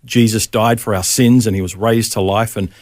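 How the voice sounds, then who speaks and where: A man's voice: fairly low pitch, steady tone, moderate pace, a little mellow, no echo. A middle-aged Australian man, a pastor, telling his faith story in a casual interview, with many ums and restarts.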